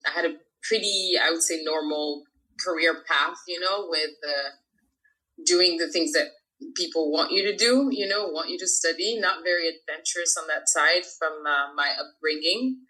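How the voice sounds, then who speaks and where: Bright-voiced woman in her thirties, from France. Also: deep voice, moderate pace, poor audio. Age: 30s. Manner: chatty, laughs often, many fillers. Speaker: guest, freediver. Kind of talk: casual interview talk.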